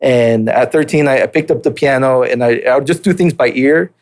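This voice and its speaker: This man in his late twenties talks fairly quickly in a mid-range voice. Born in Mexico and raised in southern California and Utah, he tells his life story as a podcast guest, laid-back and hesitant, full of fillers and restarts, in a casual interview storytelling style.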